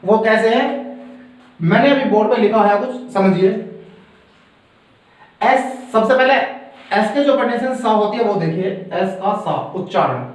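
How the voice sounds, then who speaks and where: Man teaching from far in a roomy echo. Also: sits high. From India. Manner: slow, repetitive, checks understanding. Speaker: English pronunciation teacher. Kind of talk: classroom lesson explaining at a board. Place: classroom with a board.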